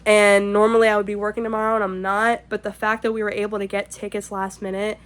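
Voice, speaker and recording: An excitable woman talks at home in a casual vlog, rambling from one thought to the next and swearing freely. Her voice sits at an ordinary middle pitch. At times she drops to a shaky whisper. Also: fast, clean tone. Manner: whispering to keep quiet. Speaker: vlogger. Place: home, indoors.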